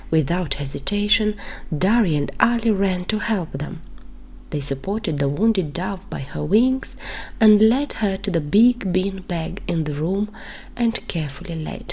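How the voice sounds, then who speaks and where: A woman tells a bedtime story in a soft, steady whisper. She takes her time over every phrase. A faint hiss runs under the recording. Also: fairly low pitch, gravelly.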